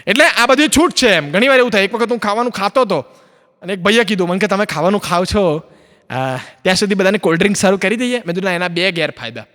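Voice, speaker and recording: A man doing stand-up comedy in a large hall, his voice ringing out with a long echo. He talks quickly and sits high in his range, switching between himself and the other people in his stories as he tells them. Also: sharp tone. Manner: acts out both sides of dialogues in his stories. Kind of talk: stand-up storytelling on stage. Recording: long hall reverb from an auditorium.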